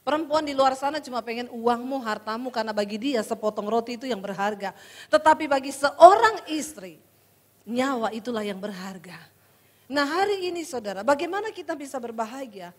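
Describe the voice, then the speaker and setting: A middle-aged woman preacher giving an emotional sermon, calling listeners "saudara" and swinging from hushed to loud. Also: on the high side, lively intonation, a little fast, husky, big-room sound. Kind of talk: sermon with personal testimony.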